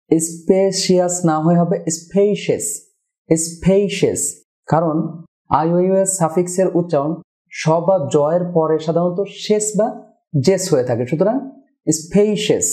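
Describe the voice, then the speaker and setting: Mellow-voiced man teaching pronunciation. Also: a little high. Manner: addresses viewers as "dear viewer" often, repeats words slowly for drill. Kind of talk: scripted pronunciation lesson.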